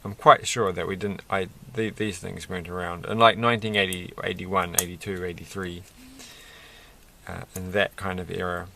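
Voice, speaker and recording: The voice is a middle-aged man's, low and croaky with a bright, forward edge, delivered flatly. As a Lego build video creator working at an indoor desk, he rambles through unscripted hobby vlog commentary, halting to search for words over faint noise and small clicks.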